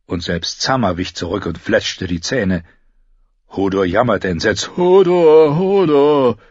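A man narrating an audiobook in a calm, steady reading. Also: low voice, breathy edge, no echo, muffled recording. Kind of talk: scripted narration.

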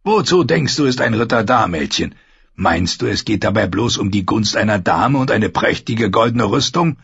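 Brutal scarred warrior, low husky growl, read by a male narrator, dull dry sound. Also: expressive, normal speed, a bit bright, dry recording, full character voice. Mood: menacing. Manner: gruff, scornful, growling. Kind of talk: audiobook character voice.

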